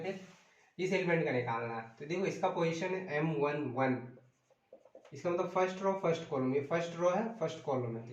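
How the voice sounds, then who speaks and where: Male math teacher, higher voice, quizzes class, echoey room with a dull, muffled sound. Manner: calls out sums and asks the class questions; mixes English into Hindi. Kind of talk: math lesson.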